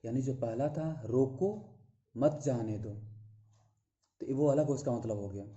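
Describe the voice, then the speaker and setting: A man lecturing on teaching methods in a very dark, mellow voice. He explains patiently, stopping for fillers and self-corrections and repeating key points to his students. The audio is dull and lo-fi. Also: mid-range voice. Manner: talks directly to students, repeating key phrases.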